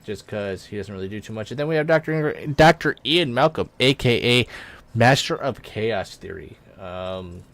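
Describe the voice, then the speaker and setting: A young man giving casual, rambling let's-play commentary, full of fillers and self-corrections, with excited bursts when something in the game surprises him. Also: fairly low pitch, normal speed. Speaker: gaming YouTuber.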